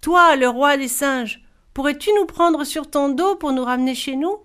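A woman voicing a young male forest spirit who calls out loudly and asks favors politely, in a storybook reading. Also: high-pitched, normal speed, pitched above the performer's own voice. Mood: pleading.

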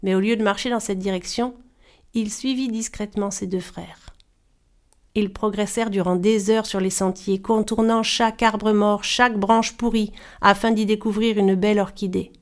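Reading a folktale aloud, a woman narrator keeps a measured pace yet stays expressive, bringing characters to life with animated voices. She speaks in a mid-range voice.

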